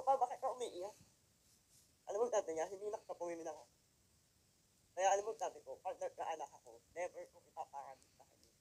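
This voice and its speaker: A man from the Philippines giving an emotional personal testimony to a live audience, firing rhetorical questions at the crowd and swinging between loud emphatic lines and hushed ones. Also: high voice, poor audio. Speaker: motivational speaker at a company event.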